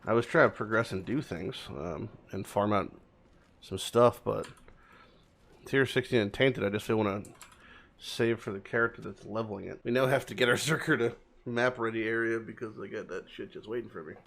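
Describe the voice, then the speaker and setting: A man's voice: fairly low pitch, moderate pace, vocal fry, fairly bright tone, a little hiss or hum. A man giving informal gameplay commentary as a streamer, swearing freely and repeating words for emphasis. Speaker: game streamer.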